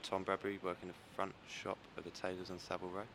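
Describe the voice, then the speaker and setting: A man who works in a tailor's shop, giving quick, practical answers in a street interview. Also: low-pitched, monotone, background noise.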